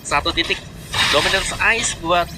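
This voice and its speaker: A man's voice: high-pitched, moderate pace. A man giving analytical esports commentary on a match. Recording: loud background noise, distant mic.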